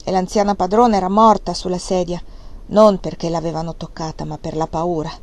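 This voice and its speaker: A woman reading an audiobook and voicing a sharp-tongued, scolding servant woman with a shrill voice. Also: steady tone, brisk, lightly acted. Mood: recounting. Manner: harsh and scolding.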